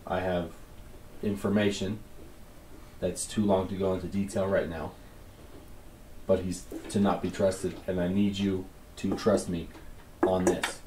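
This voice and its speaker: A man's voice: deep voice, little pitch movement, unhurried, pauses often, darkish tone, roomy sound, far from the mic, slight background noise. A man playing a tabletop game, talking in an insistent, earnest way. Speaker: player.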